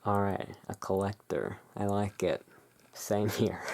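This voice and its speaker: Playing the relaxed keeper of a gothic curiosity shop, this soft-spoken ASMR performer uses a low voice and an unhurried, calming delivery.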